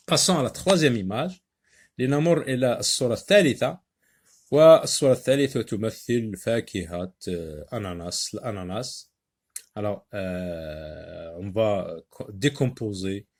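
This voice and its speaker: Moroccan man slowly drilling syllables. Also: lowish voice. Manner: switches between French and Moroccan Arabic, slow syllable-by-syllable drilling. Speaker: teacher. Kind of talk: phonics lesson for young learners.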